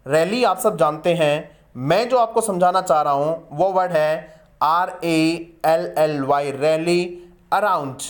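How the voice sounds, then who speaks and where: A man from India teaching English vocabulary from newspaper editorials, speaking slowly and deliberately, spelling out words and repeating them. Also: a little high.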